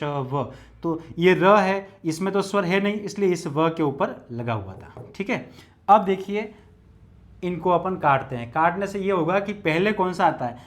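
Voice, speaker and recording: Methodical male Hindi lecturer, higher voice. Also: fairly bright tone. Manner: methodical, repeats each step and checks with the class. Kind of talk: exam-prep lesson, explaining step by step while writing.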